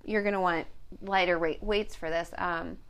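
A woman's voice: fairly low pitch, fairly even intonation, moderate pace, fairly bright tone, clear, resonant tone. A woman who teaches group exercise classes, chatting casually on a podcast and quoting what she tells her class. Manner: chatty, quotes herself telling people what to do.

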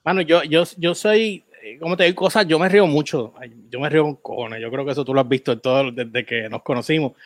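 A man hosting a casual podcast, easygoing and quick to laugh. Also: fairly high pitch, no room sound. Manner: laughs a lot, agreeable, easygoing. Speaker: podcast host.

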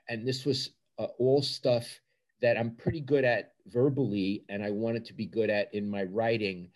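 A man's voice: fairly low pitch, a little mellow. Older man with a Brooklyn accent. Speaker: sports journalist. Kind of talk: interview answers.

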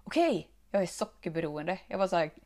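Animated Swedish woman podcasting solo. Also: fairly low pitch. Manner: animated, laughs often, acts out her own thoughts in quotes. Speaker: podcast host. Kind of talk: casual solo podcast monologue.

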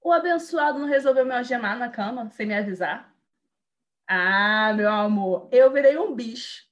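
Woman, a bit high-pitched, lively casual storyteller, full of slang. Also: moderate pace. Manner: animated, slangy, laughs while telling.

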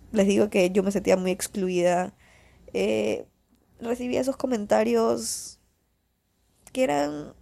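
A young woman hosting her own podcast, hoarse and stuffy-nosed from the flu, telling personal stories in a confiding, rambling way with many self-corrections. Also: medium pitch, mellow. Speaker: podcast host. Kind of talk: casual personal podcast monologue.

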